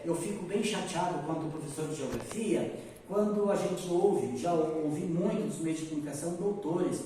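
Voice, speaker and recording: A man's voice: fairly high pitch, darkish tone, a little hiss or hum. A Brazilian man teaching geography, explaining step by step and checking in with his students. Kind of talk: recorded geography lesson. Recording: echoey room, mic far off.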